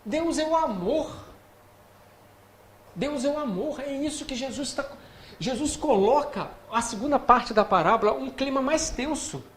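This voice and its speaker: Brazilian guy giving a spiritist talk, very expressive pitch, keeps asking the crowd if they follow, roomy echo. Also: unhurried. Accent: Brazilian Portuguese. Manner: conversational, keeps checking in with the audience. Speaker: spiritist lecturer. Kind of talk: lecture on scripture. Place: lecture hall of a spiritist center. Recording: echoey hall with faint noise.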